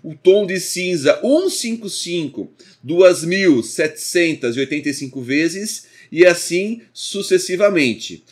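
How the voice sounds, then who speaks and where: Male instructor with a slightly higher voice, steady and explanatory, walking through code. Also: slow pace, hardly any pauses. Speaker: programming instructor. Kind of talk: screencast coding lesson.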